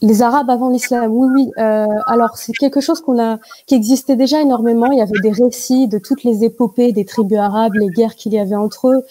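A young woman answering interview questions over a video call, explaining carefully with many pauses and fillers. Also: on the high side, steady tone, warm tone, dry recording, poor audio. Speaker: guest. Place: indoor room at home. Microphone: video call with wired earphone mic.

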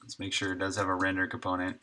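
With a low, bright, forceful voice, this middle-aged game developer talks fast in a completely flat delivery. He thinks aloud in short, easygoing snippets while live-streaming his coding from an indoor desk.

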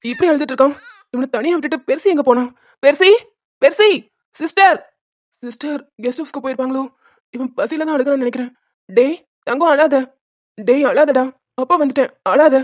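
A woman's voice: high voice, fast talker, darkish tone, no echo, natural voice. A woman voicing a young grieving husband and doting father in a cartoon, speaking in an emotional, tearful, pleading way. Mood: soothing baby. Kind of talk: cartoon voice acting.

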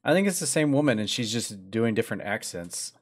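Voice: medium pitch, very animated, a little fast, breathy edge. A streamer giving casual, wry commentary while playing a game. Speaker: let's play streamer.

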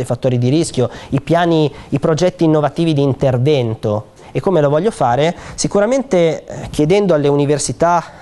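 Mellow-voiced man explaining a bill to an audience. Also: a little high. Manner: conversational, with frequent "eh" fillers and restarts. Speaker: speaker presenting a bill at a public conference. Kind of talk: explanatory public talk. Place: theater hall.

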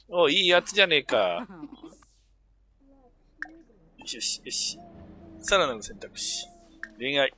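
Grumbling man, lively bright voice. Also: mid-range voice. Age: middle-aged. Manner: grumbling, muttering running commentary with sudden outbursts. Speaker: gameplay commentator. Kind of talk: casual game commentary.

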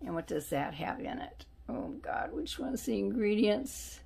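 This woman's mid-range voice is expressive and a little slow, gravelly and slightly mellow with a breathy edge. She's a vlogger at home presenting a soap haul, reading labels and chatting casually as she goes.

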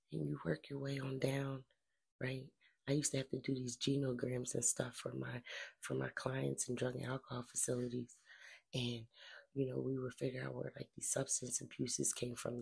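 A woman's voice: creaky, breathy edge. A middle-aged woman hosting a casual spiritual commentary, dramatic and slangy, dropping to whispers and rising to emphatic outbursts. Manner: dramatic, swings between low whispers and emphatic loud outbursts; casual slangy delivery with repeated phrases. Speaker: spiritual channeler and host.

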